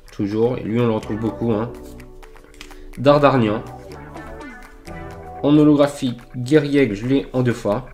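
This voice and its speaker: Male vlogger, mid-pitch, chatty and enthusiastic with lots of fillers, desk mic, faint music bed. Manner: enthusiastic, many fillers and "voilà". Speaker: YouTuber showing flea-market finds. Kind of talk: casual collector vlog. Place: indoors under filming lamps. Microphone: desk microphone near camera.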